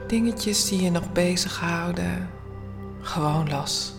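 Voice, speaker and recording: A woman leading a guided bedtime meditation in a soothing, hushed, often near-whispered voice with long pauses. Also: lowish voice, music in the background. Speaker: guided relaxation instructor.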